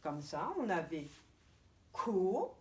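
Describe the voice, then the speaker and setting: A woman preschool teacher giving a reading lesson to young children over a camera, sounding out letters slowly and carefully in a coaxing way. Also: mid-range voice, big pitch swings. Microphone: camera mic.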